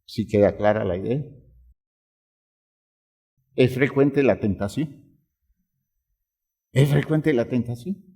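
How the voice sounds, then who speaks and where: A man's voice: mid-range voice, slow, gravelly, pauses often, mellow, breathy edge. A man preaching a sermon as a pastor, drawing out phrases for emphasis and asking the congregation rhetorical questions.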